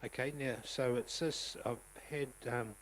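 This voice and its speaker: A man's voice: medium pitch, a little hiss or hum, rough recording. Man chairing a council meeting. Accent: New Zealand. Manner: relaxed, halting with many ums, louder when calling votes.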